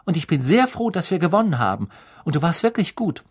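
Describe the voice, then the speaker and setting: A man voicing an earnest, bookish teenage schoolgirl in an audiobook reading, with a raised, hurried and insistent voice. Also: fairly high pitch, big pitch swings, husky, voice pushed up.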